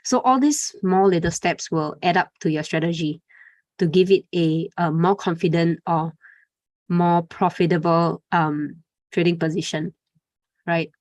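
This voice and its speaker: In a live trading webinar, a young adult woman talks at a measured pace in a voice on the low side, a little mellow. She keeps it chatty with fillers, often ending lines with "okay" or "right?", and there's no room sound.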